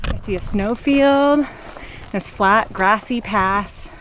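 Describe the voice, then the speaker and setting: A woman interviewing and hiking outdoors on a mountain trail, talking in an animated, excitable way. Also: mid-range voice, takes it slowly, a little hiss or hum. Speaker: interviewer and hiker. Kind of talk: on-location chat during a hike.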